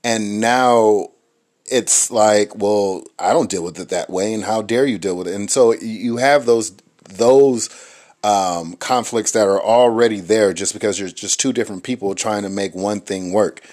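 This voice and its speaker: Low-voiced man talking slowly, full of ums. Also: a little mellow. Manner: thoughtful, hesitant with many ums and restarts. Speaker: married co-host. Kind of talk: reflective casual talk.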